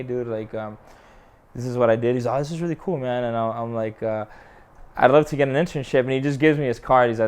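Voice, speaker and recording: Male guest, late 20s, mid-range and clear, casual slangy storyteller who swears. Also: mid-range voice. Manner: slangy, swears freely, many restarts.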